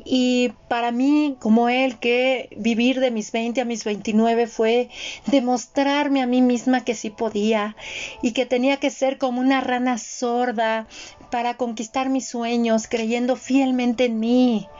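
A woman in her forties with a fairly high voice, speaking in an earnest, motivational way and turning to her listeners often. The recording is dull and lo-fi. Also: a little mellow. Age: 40s. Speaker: co-host. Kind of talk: reflective conversational talk. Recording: dull lo-fi sound.

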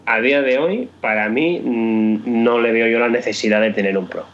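Brief: man, casual podcast co-host, halting and repetitive, a bit muffled. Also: medium pitch, a bit bright. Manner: hesitant, repeats words and restarts often. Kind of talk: casual tech chat.

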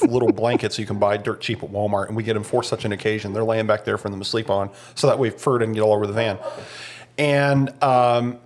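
A man co-hosting a podcast who tells long rambling stories in casual chat and acts out what people and dogs said. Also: lowish voice. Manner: rambling storyteller, acts out quotes. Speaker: podcast co-host.

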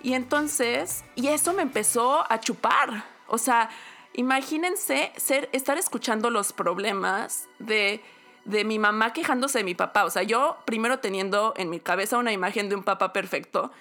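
A woman's voice: on the high side, normal speed, soft background music. A young woman from Mexico with a Mexican Spanish accent, telling a personal story in a casual podcast chat, acting out quotes. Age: young adult. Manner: animated storytelling with acted quotes.

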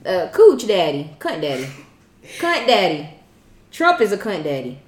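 A woman co-hosting a podcast, telling stories in an animated, joking casual chat. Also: on the low side, a little slow, echoey room. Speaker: podcast co-host.

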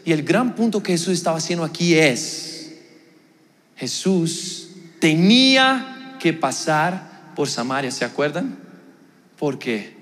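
A young adult man preaching a sermon as a pastor, telling a personal story earnestly, swinging between raised emphasis and quiet reflection. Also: a little high, expressive, slow pace, big-room sound.

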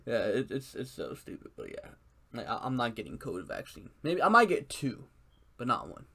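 A man's voice: medium pitch, sing-song, moderate pace, vocal fry, bright, forceful tone, husky. A man rambling in casual chat, full of filler words and swearing.

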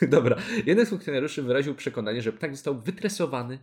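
A man's voice: mid-range voice, animated, quick pace, a little mellow. A man co-hosting a casual comedy chat, joking as he reads news items aloud. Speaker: podcast co-host reading news items.

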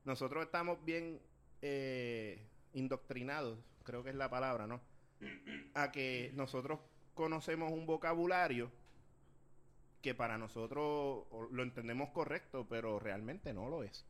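A man's voice: medium pitch, unhurried, fairly bright tone. A man with a Puerto Rican Spanish accent, chatting casually and rambling with restarts on a group talk show.

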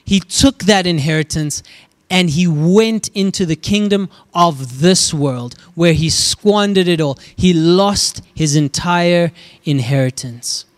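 A man preaching a sermon as a pastor, animated and emphatic, acting out scenes and reading scripture aloud. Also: a little high, slow pace.

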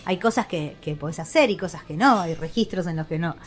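A woman's voice: lowish voice, faint music behind. A woman musician with a Rioplatense accent, speaking reflectively in an interview, thinking aloud with frequent restarts. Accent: Rioplatense Spanish. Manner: thoughtful, halting, with many restarts.

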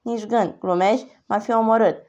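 Woman reading gentle joking father, middle-aged, audiobook, medium pitch. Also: fairly even intonation, lo-fi sound, lightly acted. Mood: amused. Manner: gentle, teasing.

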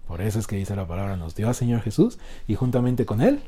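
A man preaching a sermon, asking the congregation questions and swinging between loud and soft. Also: on the low side, sing-song, fast talker. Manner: call-and-response with congregation.

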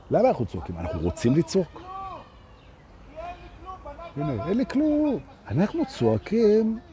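A man giving a live spiritual talk to an audience, asking rhetorical questions and swinging between loud and soft. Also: fairly high pitch. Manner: rhetorical, keeps asking "right?". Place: outdoors with street noise.

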